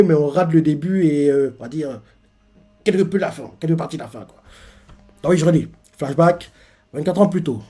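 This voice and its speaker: Husky-voiced man recapping a manga chapter. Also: a little high, warm tone. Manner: rambling, full of fillers like "en gros" and "quoi". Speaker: manga reaction creator. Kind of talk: casual reaction and chapter recap.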